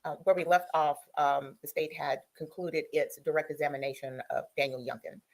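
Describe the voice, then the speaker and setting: A woman judge running court proceedings in a brisk, procedural way, with frequent ums, heard through a courtroom recording played back. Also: low-pitched, fairly even intonation, low-quality recording. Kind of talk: presiding over court proceedings.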